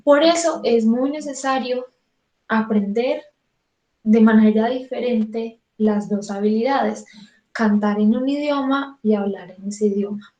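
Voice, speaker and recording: A woman's voice: fairly high pitch, unhurried, dark tone. A woman with a Colombian Spanish accent giving an online singing lesson. She talks in a chatty way, acts out her students' thoughts and repeats words for emphasis. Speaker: vocal coach. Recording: echoey room.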